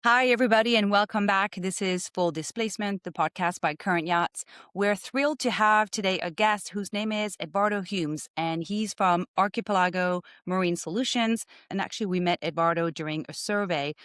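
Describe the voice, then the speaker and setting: A woman's voice: mid-range voice, no room sound, clean studio sound. Upbeat woman hosting a podcast. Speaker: podcast host.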